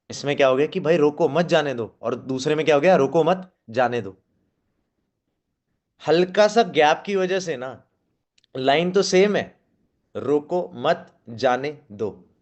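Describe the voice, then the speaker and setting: A man in mid pitch leads a spoken sales-skills training in front of a seated audience. He coaches his listeners and keeps checking in with a quick 'okay?'. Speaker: team trainer.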